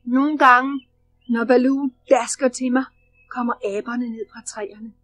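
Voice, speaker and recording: A woman voicing a small jungle boy who is cheeky, proud and quick to sulk, in a storybook reading. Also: a little high, steady tone, lightly acted. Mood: pleading. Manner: loud, eager and boastful.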